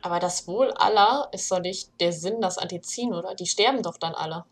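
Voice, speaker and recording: A young woman hosting a let's play, commenting casually and shouting in panic when things get scary. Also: on the low side, a little fast, soft background music. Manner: excitable, panicky shouting during scares.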